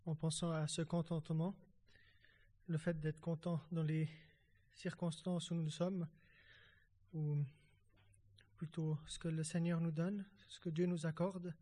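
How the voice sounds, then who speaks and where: A man at a church meeting sharing a thought about a verse in a measured, thoughtful way. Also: a little high, flat delivery, warm tone. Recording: distant voice in reverberant hall.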